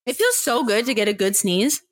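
A woman's voice: a little high, very animated, brisk, no echo, studio quality. A young woman guest on a podcast, chatting playfully and teasing the others. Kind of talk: casual chat.

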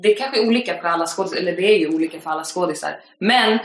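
Young woman guest actress, twenties, low voice, lively slangy anecdotes with English thrown in. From Sweden. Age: 20s. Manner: lively, slangy storytelling with English phrases mixed in. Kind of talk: casual podcast chat. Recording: roomy echo.

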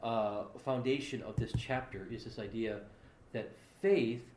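A man's voice: mid-range voice, unhurried, a little mellow, a little hiss or hum. A man co-hosting a casual theological discussion, explaining earnestly with frequent restarts. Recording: roomy echo.

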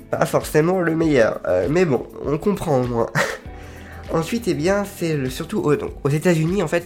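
A shop presenter giving an informal explanatory talk, hesitant, with frequent fillers and restarts. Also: medium pitch.

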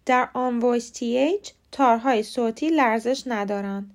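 A woman hosting a short podcast lesson, explaining pronunciation in clear, patient steps. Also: fairly high pitch. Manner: clear, patient step-by-step instruction. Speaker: podcast host teaching English pronunciation. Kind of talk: scripted lesson narration.

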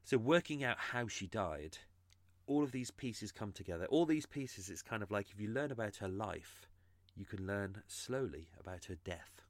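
A man's voice: lowish voice, animated, moderate pace, no room sound. A man hosting a true crime podcast, explaining his research in an earnest, casual monologue.

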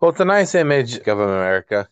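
A man with a medium-pitched, sing-song voice talks fast, sounding clear and resonant with no echo. He co-hosts a casual music discussion show, musing reflectively and hesitantly with plenty of filler words.

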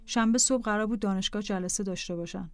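A woman narrating a personal diary in a calm, scripted reading voice over faint music. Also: medium pitch, no echo, studio quality.

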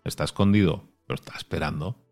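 Lively man hosting a podcast. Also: low-pitched, a little fast, soft background music. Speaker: podcast host. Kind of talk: casual podcast conversation.

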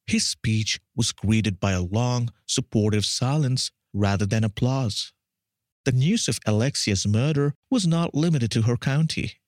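A man narrates a true-crime story from a script, solemn and measured. His pitch rises and falls in an animated way through each sentence. The sound is dry and close, with no room echo.

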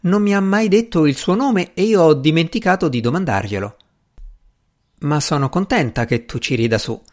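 A man putting on a gentle, lively young lady. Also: fairly high pitch, moderate pace, pitched above the performer's own voice, lightly acted. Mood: playful. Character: young woman, gentle and good-natured.

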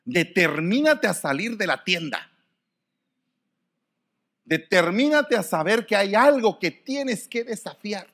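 A man preaching a sermon, swinging from soft, quiet passages to sudden shouts. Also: sits high, very animated, takes it slowly, long pauses.

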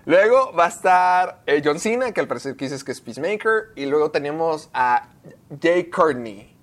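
A co-host in casual podcast chat, animated and quick to exclaim in disbelief. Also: mid-range voice.

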